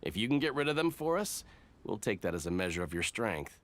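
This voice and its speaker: A man voicing a gruff male soldier in a video game, blunt and commanding. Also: lowish voice, sing-song, brisk, fairly bright tone.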